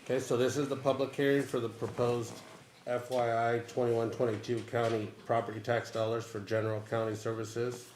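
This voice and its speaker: A man's voice: mid-range voice, level tone, brisk, a little mellow. A man chairing a formal board meeting, moving through procedure in a businesslike way. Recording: echoey meeting room with clear background noise.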